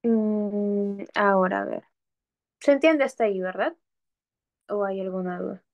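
Woman, teacher, patient, explanatory, online lesson, mid pitch. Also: unhurried, darkish tone, dull audio. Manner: patient, explaining step by step with examples; checks understanding often with "¿ok?".

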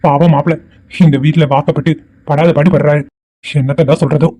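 An easygoing cartoon dad, voiced by a man, talking fast in a mellow, slightly raised voice. He teases and lectures his wife without heat. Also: on the high side, natural voice. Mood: teasing. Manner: calm, teasing, lecturing. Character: easygoing middle-aged father indulging his son.

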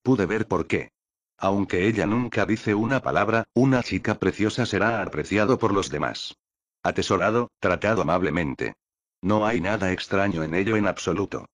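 A man reading a light novel aloud as audiobook narration, in a slow, measured delivery. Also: sits low, no echo.

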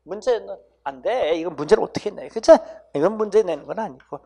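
Casual lecturing teacher, mid-pitched voice, talks down familiarly to students and keeps tagging "right?". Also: expressive, brisk, creaky, dark tone, slightly rough. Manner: addresses students directly, coaxing them to repeat sounds. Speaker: English grammar teacher. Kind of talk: exam-prep lecture.

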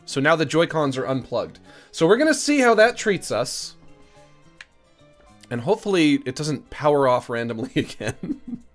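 Male game streamer, silly and playful casual commentary, animated and slightly high voice with music behind. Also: moderate pace, pauses often. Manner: playful, silly, repeats phrases in a singsong.

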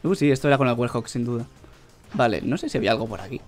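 Young male gamer, lively swooping voice, yelps as he plays, faint music under. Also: mid-range voice, very fast. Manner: excitable, yelps and laughs while playing. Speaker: gaming channel host. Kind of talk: gameplay commentary.

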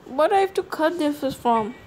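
A woman's voice: high-pitched, lively intonation, normal speed, a little mellow. A woman giving casual gameplay commentary as a scared horror game streamer, jumpy, exclaiming and swearing freely. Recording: clearly noisy home gameplay recording.

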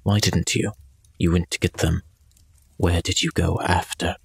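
A man playing a tabletop game, speaking in character in a measured, formal, quietly menacing way. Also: sits low, little pitch movement, creaky, husky, dry recording. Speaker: player. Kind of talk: in-character tabletop role-play.

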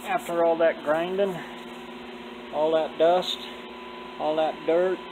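A man in his sixties, a car builder and vlogger, talks while he works in a cluttered indoor metal garage, his toothless speech slightly slurred and his manner folksy, halting and rambling. His voice sits a little high with fairly even intonation. The camera starts a short distance away and later goes handheld, with clearly noisy workshop ambience throughout.

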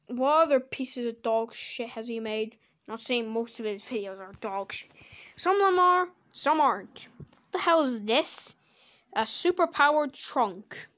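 A woman giving casual reaction commentary on videos, blunt and crude, swearing freely with sudden loud outbursts, into a desk microphone. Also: fairly high pitch.

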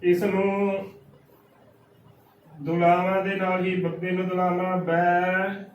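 A man's voice: high voice, monotone, slow, reverberant, far from the mic, slight background noise, low-quality recording. A man with a Punjabi accent teaching pronunciation, spelling out words letter by letter in a patient, corrective way. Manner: repeats each word letter by letter, patient and corrective. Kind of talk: slow methodical spelling-out lesson.

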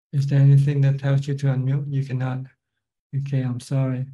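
An older Buddhist monk with a Thai accent, calmly explaining Dharma on a video call. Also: male voice, medium pitch, dull audio. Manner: calm, measured, plain explanations. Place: plain room, seated in office chair.

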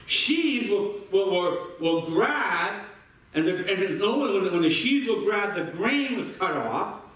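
A man's voice: high-pitched, a bit bright. A man preaching a sermon to a congregation, repeating words as he builds each point and calling for responses. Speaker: pastor. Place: church sanctuary. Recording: echoey sanctuary from far off.

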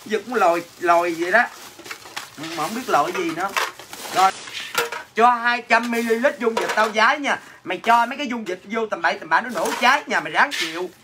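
A man's voice: high voice, fairly quick. Brash Southern Vietnamese man hawking snacks. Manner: brash, teasing, answers viewer comments mockingly. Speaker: livestream seller. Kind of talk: comic livestream sales banter. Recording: noisy with clattering dishes.

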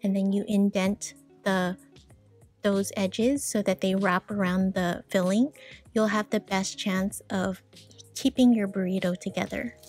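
A woman giving calm, matter-of-fact voice-over instructions for a home cooking video, explaining each step plainly. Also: mid-range voice, unhurried, soft background music. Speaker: frugal cooking vlogger.

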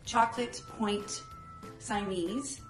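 A woman's voice: medium pitch, slow pace, roomy sound, distant mic, over music. A middle-aged woman hosting a casual home how-to video, chatty with frequent ums, heard through old camcorder audio.

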